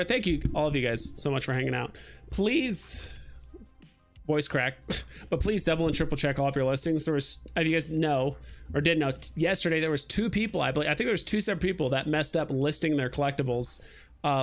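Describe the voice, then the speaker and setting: A young man chats casually to his livestream viewers, rambling and dropping frequent fillers. His voice sits a little high for a man. Faint music plays underneath. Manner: rambling, relaxed, lots of fillers like "like" and "um". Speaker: livestream host.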